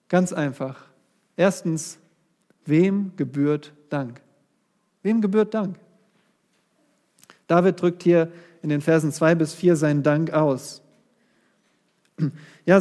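A man with a fairly high, darkish voice preaches a sermon and reads a psalm aloud. He speaks directly to his congregation, raising his voice on key words.

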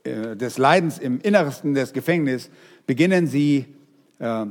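A man preaching a sermon, speaking straight to his congregation in a lively way. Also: medium pitch, normal speed, long reverb tail. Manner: lively, addresses the congregation directly.

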